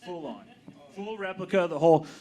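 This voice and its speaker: A man in his thirties doing a stand-up comedy set in a small cafe, animated, sometimes squealing in a high voice for his little daughter. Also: normal speed.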